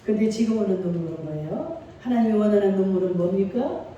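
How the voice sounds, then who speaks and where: A middle-aged woman pastor preaches a heartfelt sermon with call-and-response in a church sanctuary, her voice medium-pitched, quick and mellow. The recording is muffled and distant, with the echo of a church hall and slight background noise.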